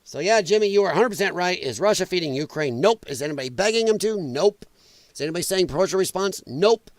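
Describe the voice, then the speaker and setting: A man's voice: high-pitched, expressive, quick pace, no room sound. A man hosting a political livestream, speaking bluntly and sarcastically in a casual monologue. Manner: blunt and sarcastic, mocks opponents in put-on voices. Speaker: political commentary livestream host.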